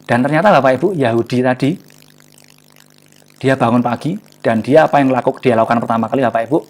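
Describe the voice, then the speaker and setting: A man giving a casual, jokey motivational talk to a live online audience, often pausing for words. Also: mid-range voice. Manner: chatty and jokey, often searching for words with fillers. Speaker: online class speaker.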